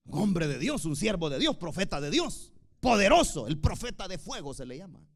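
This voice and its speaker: High-voiced, animated male preacher. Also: moderate pace, vocal fry. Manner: emphatic, swings between loud declarations and soft asides. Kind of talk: sermon.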